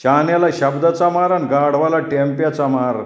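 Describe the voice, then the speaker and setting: A male narrator brings to life a sly, sharp-tongued village elder. He scolds with earthy proverbs and rustic idioms, in a raised, slightly high voice. The room around him rings with echo. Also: fairly even intonation, brisk, lightly acted. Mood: chiding. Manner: lecturing, proverb-laden, rustic dialect. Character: shrewd needling older village man. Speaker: village elder giving advice. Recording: roomy echo.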